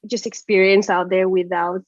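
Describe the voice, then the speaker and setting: A woman's voice: mid-range voice, little pitch movement, moderate pace, no echo. Earnest Chilean woman on a dull call. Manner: earnest, many "uh" and "like" fillers. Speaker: guest entrepreneur. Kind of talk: interview answers.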